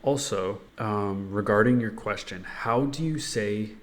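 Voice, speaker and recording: A man practicing as a language learner, tentatively thinking aloud and haltingly sounding out Japanese. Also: on the low side. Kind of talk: casual speaking practice.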